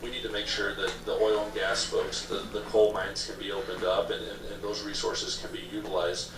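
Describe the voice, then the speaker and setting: Fast and fairly low-voiced, the man delivers his points like a candidate in a political interview, emphatic and repetitive yet flat in delivery. The recording has a distant mic in an echoey room and a noisy background.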